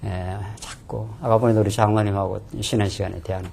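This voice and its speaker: A man's voice: on the low side, steady tone, fairly quick, gravelly, a little mellow, a little hiss or hum. A man pastor giving a conversational Bible lecture sermon, often adding affirming asides and rhetorical questions.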